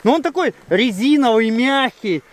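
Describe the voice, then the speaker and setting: Out in the snowy mountains, the sweaty vlogger speaks in a very high voice with lively intonation and a moderate pace, casually walking through hands-on snowmobile instruction. The outdoor recording carries wind and engine noise.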